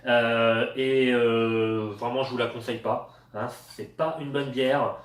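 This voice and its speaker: A man's voice: mid-range voice, fairly even intonation, slow. A man from France reviewing cheap store products in a casual, hesitant way, with lots of fillers. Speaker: product tester. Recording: echoey room, voice a bit far from the mic.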